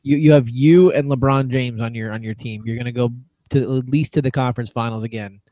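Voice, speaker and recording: A man's voice: mid-range voice, steady tone, a little fast, warm tone, dry recording. Dude co-hosting a sports pod, rambly, laughs at his own jokes, dry close mic. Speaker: podcast co-host. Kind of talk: casual sports chat.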